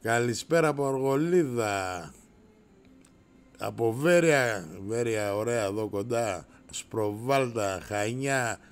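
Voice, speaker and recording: This middle-aged man hosts a casual livestream in a brash, rowdy way, swearing and shouting as he answers viewers. His mid-range voice is expressive and smooth.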